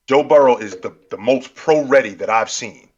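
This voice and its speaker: A man co-hosting a sports podcast in casual chat, animated and repeating himself as he builds his points. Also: mid-range voice, moderate pace, highs cut off, a crowd in the background. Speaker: podcast co-host.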